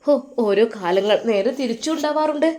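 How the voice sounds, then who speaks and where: A woman voicing a matter-of-fact hospital doctor who speaks calmly. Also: a little high, a little fast, lightly acted. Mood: resigned.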